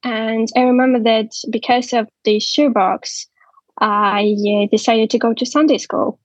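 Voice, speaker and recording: A woman in her twenties with a Ukrainian accent, telling her story as an interview guest, slow and halting with many pauses. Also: a little high, fairly even intonation, no echo, muffled recording. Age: 20s. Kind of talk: interview testimony.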